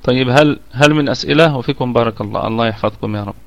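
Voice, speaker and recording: A man teaching Quran recitation rules in an online lesson, speaking with an Egyptian Arabic accent. He explains slowly and repeats words to model how they should be pronounced. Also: mid-range voice, dull audio. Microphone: online voice chat.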